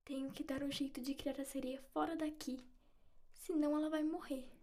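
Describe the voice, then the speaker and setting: A woman's voice: high voice, steady tone, normal speed, warm tone. A female actor playing a wistful, imaginative young daughter in a naturalistic drama. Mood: earnest.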